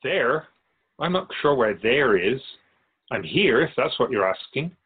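A man plays an otherworldly male spirit appearing as a guest in a radio drama, speaking in an unhurried, husky voice with lively, varied pitch. Calm and explanatory, he is curious about human speech, quizzical and serene in mood, and the recording is a little dull and lo-fi.

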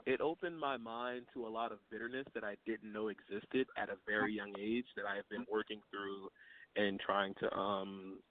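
Young man guest, polite and apologetic, slightly low voice, tinny phone line with light static. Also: fairly even intonation, normal speed. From Louisiana. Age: 20s. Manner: polite, apologetic, restarts often. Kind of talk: radio call-in chat.

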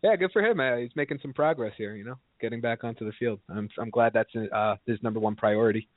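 A man's voice: medium pitch, fast talker, no room sound. A man co-hosting a casual sports talk show, giving short easygoing replies. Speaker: co-host. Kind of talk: casual radio chat. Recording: dry, phone-like audio.

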